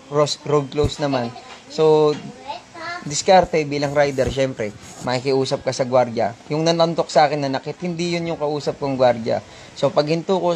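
A man's voice: mid-range voice, darkish tone, a little hiss or hum. A man, a delivery rider, telling viewers in a casual, emphatic way what happened to him. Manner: emphatic storytelling, addressing viewers as sir and bro. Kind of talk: casual first-person account.

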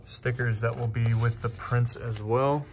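With a phone camera at arm's length, a young man in his twenties who runs a small business thinks aloud through fillers and restarts in an empty warehouse and office. His vlog narration is casual, unhurried and steady in a mid-range voice, with a little hiss or hum.

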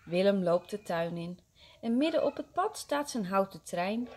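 A kindergarten teacher, a woman, reading a story aloud to young children with expressive, gentle storytelling. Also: mid-range voice, normal speed, slight background noise.

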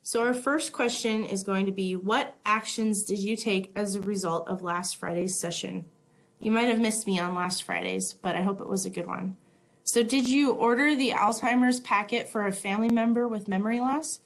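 A woman's voice: mid-range voice, moderate pace. Upbeat woman co-hosting a webinar. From Montana. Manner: upbeat, friendly announcements with filler ums. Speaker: extension agent and webinar co-host. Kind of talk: webinar presenting.

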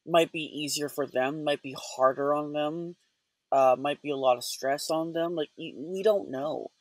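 A man's voice: a little high, normal speed, no echo. A man co-hosting a podcast, musing in casual chat with a thoughtful, rambling manner. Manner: thoughtful, rambling, many fillers and restarts. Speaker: podcast co-host.

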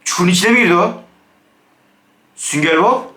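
A man commentating a Minecraft let's play, jumpy and excitable, dropping to hushed, scared whispers. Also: sits high, moderate pace, roomy sound. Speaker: gaming YouTuber.

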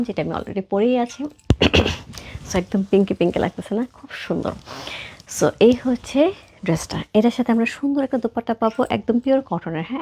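A woman hosts a live-stream clothing sale, her voice husky and hoarse from a cold. She chats warmly along, greeting viewers by name and dropping English words into her pitch. Her pitch sits in an ordinary middle range. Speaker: live sales host. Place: clothing outlet.

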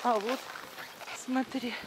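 A woman chatting excitedly to camera as a travel vlogger, out on a snowy ski slope. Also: fairly high pitch, slow. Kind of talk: casual travel vlog chat. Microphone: action camera worn on the body. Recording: loud wind and outdoor noise.

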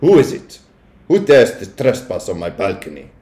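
A man acts out a menacing storybook witch, the grand villain of the tale. She is imperious and sinister, drawing out some words and snapping others, with big swoops in pitch. The sound is roomy. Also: big pitch swings, gravelly. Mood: snapping impatience. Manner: snapping, drawn-out sinister delivery.

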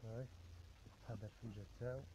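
A man's voice: on the low side, steady tone, fast talker, noisy background. Man with an Algerian accent showing housewares. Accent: Algerian Arabic. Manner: chatty, repeats prices and item names. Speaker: shop seller. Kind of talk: casual product showcase.

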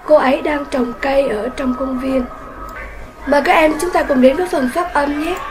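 A woman's voice: sits high, steady tone, moderate pace, background noise. A woman teaching an online English lesson to children, patiently explaining step by step. Her native language is Vietnamese.

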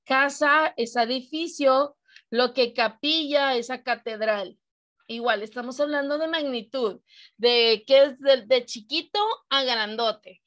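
A woman's voice: high-pitched, measured pace, a bit bright. A woman teacher with a Mexican accent giving an online class over a video call, explaining patiently and often asking her students questions.

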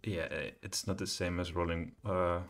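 A man's voice: deep voice, fairly even intonation, moderate pace, fairly bright tone, faint music behind. A middle-aged man giving a live coding walkthrough from a home office, thinking aloud and hesitating with many fillers. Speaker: programming tutor.

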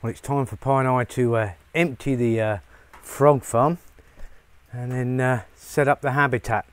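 A man's voice: mid-range voice, steady tone, moderate pace, clear, resonant tone, dry recording. A middle-aged man, talking casually to camera while working outdoors on his farm, chatty and upbeat with lots of fillers. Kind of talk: casual vlog narration to camera. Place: outdoors on a rural farm, rainy. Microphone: lapel mic.

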